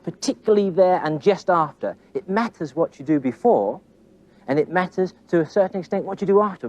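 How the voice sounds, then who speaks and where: A man's voice: a little high, warm tone. A man coaching tennis on court, asking his pupils coaxing questions and counting rally hits aloud. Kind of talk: on-court teaching demonstration. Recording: dull lo-fi old TV recording.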